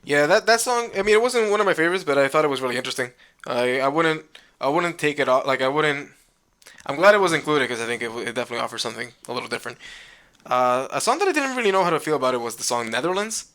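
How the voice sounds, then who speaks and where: A man with a bright, forceful voice talks loosely about records. He keeps stopping and restarting, full of ums and likes, in easy podcast chat. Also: on the high side, animated, rapid-fire. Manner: rambling, many fillers and restarts. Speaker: podcast co-host. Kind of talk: casual music chat.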